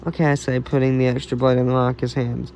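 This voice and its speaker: A man's voice: mid-range voice, completely flat delivery, fairly quick, a little mellow, slight background noise. A man reading his own fan fiction aloud in a casual, unscripted way, with frequent restarts and self-corrections. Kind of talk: amateur fan story reading.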